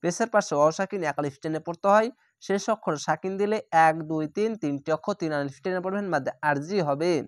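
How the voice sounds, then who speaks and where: A man's voice: fairly high pitch, no room sound, studio quality. A man teaching Quran reading, spelling out syllables one by one and stretching recited words very long. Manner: slow, drawn-out spelling of syllables.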